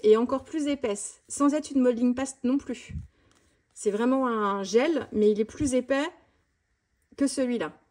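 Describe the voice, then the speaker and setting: Woman vlogger, fast casual chat, lots of fillers, slightly high pitch. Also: a little mellow. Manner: fast talk with many fillers and restarts. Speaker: mixed-media art vlogger. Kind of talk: casual tutorial chat showing art supplies.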